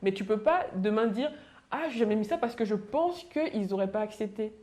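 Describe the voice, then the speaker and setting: Fast-talking reflective woman from Cameroon. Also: mid-range voice, lively intonation, dark tone. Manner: talks fast, reflective, with frequent restarts. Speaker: panel guest. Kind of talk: casual discussion.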